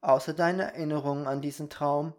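A storybook reader voicing a little female fairy who patiently explains things to a boy, in a soft and kind manner. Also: mid-range voice, steady tone, fairly quick, lightly acted. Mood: gentle.

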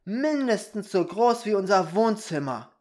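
A storybook reader voicing a small, wide-eyed boy who asks and wishes for things in an excited, eager way. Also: mid-range voice, measured pace, voice pushed up.

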